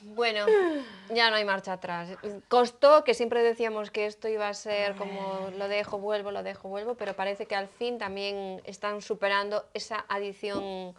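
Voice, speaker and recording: A woman's voice: medium pitch, flat delivery, normal speed, a little hiss or hum. A woman hosting a casual panel chat, leading topics and reading names from her notes. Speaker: host.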